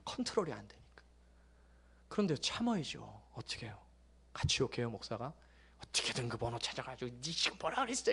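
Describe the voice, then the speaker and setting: A middle-aged male pastor preaching a sermon, telling jokey stories that swing from loud bursts to hushed asides. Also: mid-range voice. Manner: lively, joking storytelling with sudden loud bursts and hushed asides.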